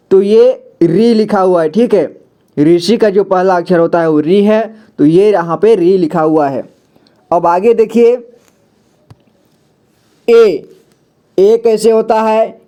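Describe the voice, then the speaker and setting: Man, teacher, patient alphabet lesson, unhurried, high mellow voice. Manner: patient, repeats "theek hai" often, drawn-out sounds. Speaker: Hindi teacher. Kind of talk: alphabet lesson explaining pictures.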